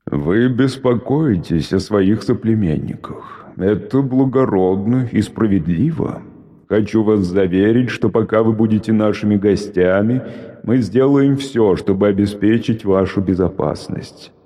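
Man doing a stately giant ruler for an audiobook: measured, formal, low and mellow, with a big hall reverb on the voice. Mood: reassuring. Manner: slow, solemn, formal. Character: towering stately giant ruler, calm and gracious. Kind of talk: audiobook character voice. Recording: voice with long echoing reverb.

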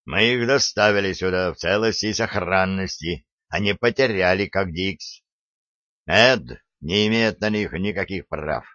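A man's voice: low-pitched, measured pace, bright, forceful tone, no echo, dull audio. A man voicing a hard, ambitious crook who speaks curtly and firmly. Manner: curt, commanding.

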